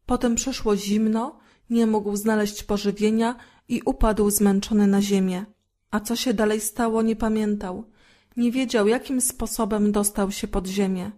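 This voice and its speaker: A woman reading a fairy tale aloud as a storyteller, gentle and expressive. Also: mid-range voice, a little slow.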